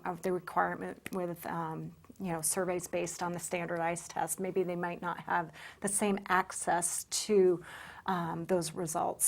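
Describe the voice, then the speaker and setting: Hesitant New woman guest, gravelly tone, pauses and restarts often. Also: lowish voice. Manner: hesitant, many ums and restarts. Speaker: volunteer center guest. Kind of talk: interview answers.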